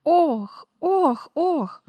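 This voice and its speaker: Woman as thrilled young girl in a storybook reading, high squeals. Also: lively intonation, extremely slow, mellow, no echo, full character voice. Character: excited little girl flying, squealing.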